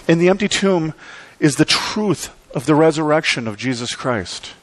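Standing at a church pulpit, a middle-aged pastor preaches with energy, dramatic pauses and sweeping gestures. His male voice is a little high, and the recording is dry.

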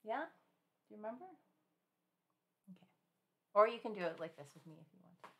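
Woman art instructor, relaxed live-stream class; gentle, chatty, laughs often. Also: mid-range voice, a little fast.

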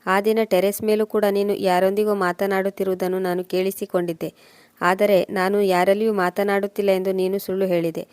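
A woman's voice: medium pitch, level tone, a little fast, a little mellow, no room sound, lightly acted. A woman voicing a worried young wife in a plain storybook reading. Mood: pleading.

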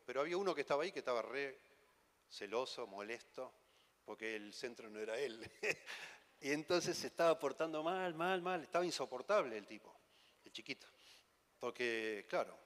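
Preaching a conference sermon in an Argentine Spanish accent, this man keeps it conversational and teasing, full of rhetorical questions. His medium-pitched voice is expressive and fairly bright, at normal speed, and the conference hall adds long reverb.

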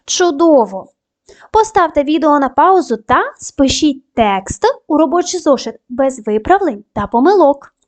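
High-pitched lady teacher doing a video lesson, spells out sounds slow and clear. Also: animated. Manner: clear, slow, syllable-by-syllable dictation; upbeat praise between tasks. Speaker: primary school teacher.

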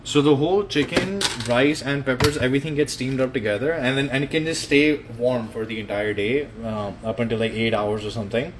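A fitness coach and vlogger in his thirties talks a little fast and with few pauses, his pitch medium, as he cooks at home and chats jokingly on a casual livestream. A phone camera held or propped nearby records the echoey kitchen and its clear ambient noise.

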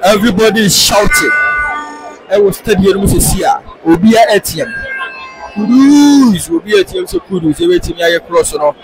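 A man with a Ghanaian accent giving live football commentary, excitable and sing-song, rising into shouts on attacks. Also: high-pitched, a little fast, over music, low-quality recording. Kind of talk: live match commentary mixing English and Twi.

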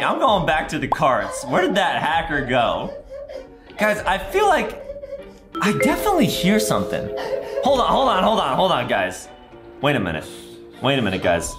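At a normal speed, this over-dramatic twentysomething delivers playful game commentary aimed at kids, his pitch bouncing around as he reacts theatrically. Background music plays, and the small indoor room gives the audio a roomy quality.

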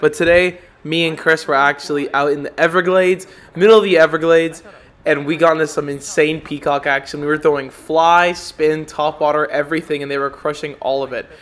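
A young man giving excited casual fishing vlog commentary in frat-bro slang, saying dude constantly. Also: a little high, a little fast. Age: young adult. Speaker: fishing vlogger. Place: outdoors on small boat on canal. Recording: windy outdoor noise on boat.

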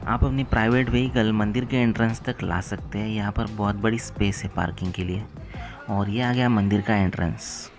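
A man's voice: lowish voice, fairly even intonation, fairly quick, music in the background. A young man narrating a travel vlog on roads, waterfalls and a dam, guiding viewers along the way. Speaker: travel vlogger. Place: outdoors on rural roads and by waterfalls.

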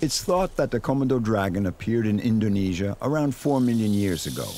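A man's voice: fairly low pitch, very animated, brisk, dark tone, a little hiss or hum. A man reading scripted narration in the style of a nature documentary.

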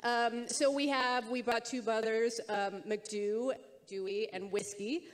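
A woman's voice: on the high side, steady tone, slow pace, big-room sound. A woman on a festival panel tells a story in a rambling, hesitant way. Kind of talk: panel talk. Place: festival stage.

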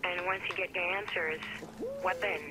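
A woman's voice: lowish voice, fairly even intonation, normal speed, a crowd in the background, natural voice. An actress playing a cool, loyal female accomplice on a call in a video game. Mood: calm, supportive. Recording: phone call with noisy ambience.

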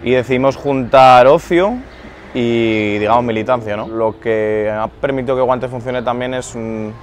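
A man's voice: mid-range voice, moderate pace, slight background noise. A man being interviewed outdoors for a documentary, speaking thoughtfully and restarting his phrases as he explains a youth project. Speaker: youth boxing association founder. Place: outdoors in a city neighborhood. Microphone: lapel mic.

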